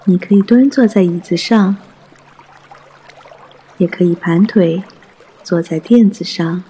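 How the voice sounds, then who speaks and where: A man guiding a mindfulness meditation in a soft, hushed, breathy voice, gentle and soothing, with long pauses. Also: high voice. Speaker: meditation guide.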